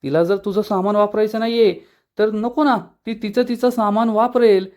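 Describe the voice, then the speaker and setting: Guy doing a husband sticking up for his wife, angry, pitch goes up. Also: fairly even intonation, moderate pace, a little mellow, lightly acted. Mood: indignant. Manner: indignant, confronting.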